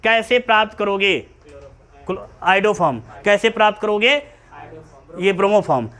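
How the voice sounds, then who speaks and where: A man's voice: high voice, moderate pace, pushed and bright. A man teaching a chemistry class to students, often calling them "beta" and asking whether they understood. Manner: repeatedly checks understanding, calls students beta. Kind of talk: classroom lecture.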